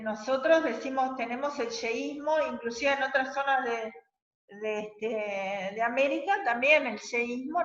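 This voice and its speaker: A woman teacher explaining a language lesson to her class, often checking in with "¿tá?". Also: a little high. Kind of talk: classroom lecture. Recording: echoey lo-fi classroom recording.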